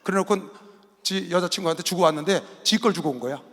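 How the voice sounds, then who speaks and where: A male pastor preaching a sermon and telling a story dramatically, dropping to hushed whispers and rising to loud cries. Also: sits high, quick pace, a little hiss or hum. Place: large indoor sports arena used for worship. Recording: long reverb of a big arena hall.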